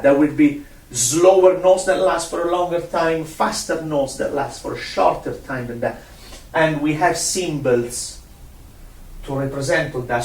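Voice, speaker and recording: A man teaching a one-on-one music lesson, patient, repeating himself and counting out rhythms. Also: fairly high pitch. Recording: roomy sound from a distant mic.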